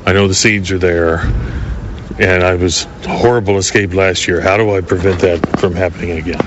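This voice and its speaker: A man's voice: low-pitched, fairly even intonation, normal speed, muffled recording, slight background noise. An American man working as a radio interviewer, speaking conversationally.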